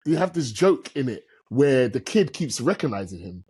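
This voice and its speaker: A man's voice: medium pitch, big pitch swings, moderate pace, darkish tone. A man with a London roadman accent chatting casually as a podcast host, emphatic and full of slang and swearing.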